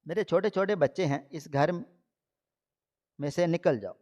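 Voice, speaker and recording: A man's voice: on the high side, darkish tone, lightly acted. A man reading as a scolding, cold mother. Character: harsh mother, dismissive and cold. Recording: dull lo-fi audio.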